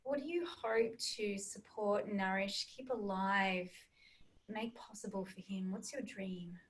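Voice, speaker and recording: A woman hosting an interview, asking gentle, searching questions and stringing several words together. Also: medium pitch, a little slow, rough recording. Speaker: interview host.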